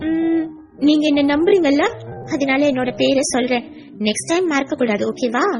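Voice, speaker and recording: For this audiobook character, a woman takes on the role of a stubborn, wounded little girl, insisting in a childlike, earnest way. Her voice sits high and a little mellow at normal speed, lightly acted, with faint music in the background.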